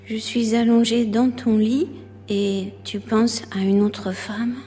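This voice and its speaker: An actress playing a lonely, fragile woman who speaks slowly and often in a whisper, in a stage play. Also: fairly high pitch, steady tone, husky, in a large hall, faint music behind. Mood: hushed. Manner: slow, hushed, often whispering.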